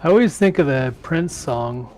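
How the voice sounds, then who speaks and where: A man's voice: mid-range voice, expressive, measured pace, a little mellow, slight background noise. A man in casual game voice chat, wry and joking, sometimes exasperated, on a headset mic. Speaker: raid player.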